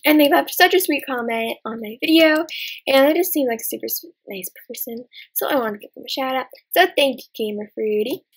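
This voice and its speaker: A woman hosting a Minecraft channel, chatting casually through co-op gameplay and shout-outs, giggly and hesitant, full of "um" and "like". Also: high-pitched, brisk, husky. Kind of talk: casual gameplay chat and video outro.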